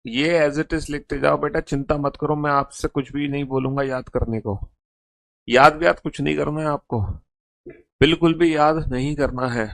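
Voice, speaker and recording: A man's voice: on the high side, steady tone, moderate pace, vocal fry, a bit bright, no echo. Coaxing Hindi-speaking male teacher. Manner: coaxing, repetitive, calls students beta. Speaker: English teacher. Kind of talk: online class lesson.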